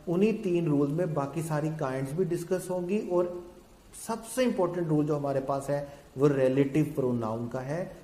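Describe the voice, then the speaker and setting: A male grammar teacher, lecturing in a mellow, slightly high voice. He poses questions to his students and answers them himself, calling them children. The room around him is echoey. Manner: explains in a mix of Urdu-Hindi and English terms, asks and answers his own questions. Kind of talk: recorded classroom lecture.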